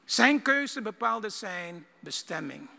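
Fervent preacher with a gravelly voice. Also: male voice, sits high, big pitch swings, slow, long reverb tail. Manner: fervent, swinging from loud bursts to hushed lines. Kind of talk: sermon.

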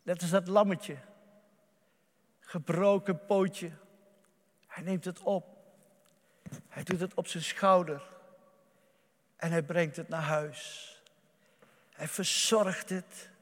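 Man, preacher, sermon, high voice, loud outbursts and hushed murmurs, long reverb of a large hall. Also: fairly even intonation, slow, long pauses.

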